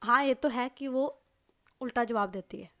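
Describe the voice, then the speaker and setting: A woman voicing a calm young woman who comforts a friend softly and slowly. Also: on the high side. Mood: soothing. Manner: soft, slow and calming.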